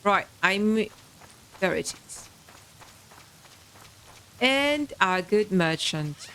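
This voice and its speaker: A woman giving laid-back let's-play commentary, speaking slowly with a gravelly edge. She drops in dry, sighing remarks between what she reads out from the game. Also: medium pitch, lively intonation, a bit bright, a little hiss or hum. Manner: wry, sighing asides. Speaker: gaming channel host.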